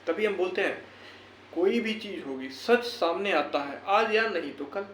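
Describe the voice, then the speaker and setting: This YouTuber and educator delivers a motivational message with earnest exhortation and repeated phrases for emphasis. His high, expressive, slightly bright voice moves at a measured pace, with echo and faint background noise in the room.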